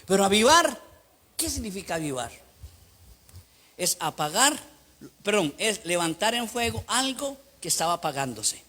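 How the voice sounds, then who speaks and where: A middle-aged Costa Rican pastor preaches in a very high, forceful, bright voice. He is emphatic and drives his points home with lively stories. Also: normal speed, long pauses. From Costa Rica. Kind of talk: sermon.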